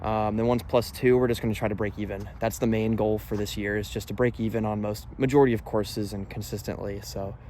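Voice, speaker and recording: A man's voice: lowish voice, steady tone, brisk, few pauses, warm tone. A man with a blocked nose from allergies, breathing through his mouth and giving casual commentary on his own game as he plays outdoors. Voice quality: congested, stuffy-nosed sound. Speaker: disc golf player filming his round. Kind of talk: casual self-commentary while playing. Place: outdoors on a disc golf course. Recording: noisy outdoor recording with traffic ambience.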